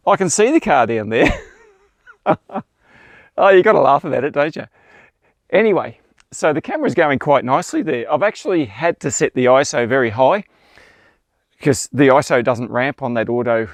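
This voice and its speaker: Chatty man, slightly high voice. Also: no room sound. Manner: chatty and self-deprecating. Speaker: landscape photographer vlogger. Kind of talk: casual storytelling vlog.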